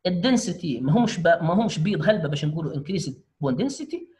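Lively high-voiced man teaching. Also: rapid-fire. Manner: encouraging, mixes English medical terms into dialect. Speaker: doctor teaching radiology. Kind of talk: online medical lecture.

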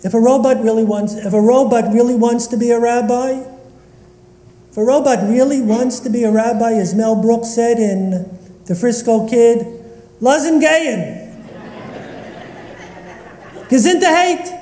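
A man's voice: very high voice, steady tone, normal speed, mellow. A man from Northeast Philadelphia giving a sermon as a rabbi, joking and bantering with his congregation in a synagogue sanctuary. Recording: echoey hall reverb.

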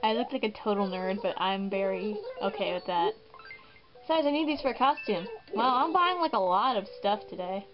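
A woman's voice: medium pitch, expressive, moderate pace. A woman hosting a gaming video in casual, rambling commentary, often poking fun at herself. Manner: chatty, rambling, self-mocking. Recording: muffled, with game music behind.

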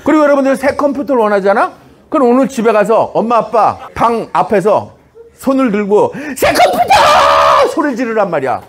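Teasing, animated middle-aged male lecturer. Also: a little fast, heavy background noise. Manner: teasing, punchy, keeps asking "어?" for a reaction; breaks into shouted examples and squeaky student impressions. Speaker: comedy writer giving a school lecture. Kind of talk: humorous lecture to high school students.

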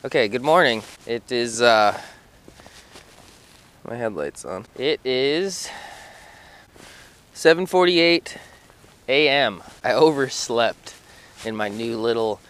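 A young man chatting casually to camera in a laid-back, unhurried way, with some mild swearing, as an ice fishing vlogger. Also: mid-range voice, expressive, a bit bright. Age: young adult. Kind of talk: casual vlog chat. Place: small ice fishing shelter and outdoors on a frozen lake at night.

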